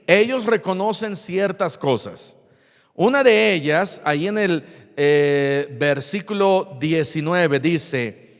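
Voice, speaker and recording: A man, a pastor preaching an animated sermon in church who acts out dialogue. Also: sits high, long reverb tail.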